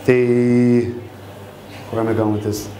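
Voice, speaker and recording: A middle-aged Irish man tells a personal story as if by the fireside. His pitch stays very even, and he speaks in a halting, reflective way, feeling for his words. The room around him is noticeably echoey. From Dublin, Ireland. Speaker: storyteller at a live storytelling night. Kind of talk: fireside storytelling, personal anecdote told live. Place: indoor live storytelling event, echoey room.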